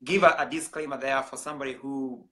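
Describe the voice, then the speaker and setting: A man with a Kenyan accent hosting a casual livestream interview, easygoing and halting, with frequent pauses. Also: medium pitch, fairly even intonation, bright, forceful tone. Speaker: host.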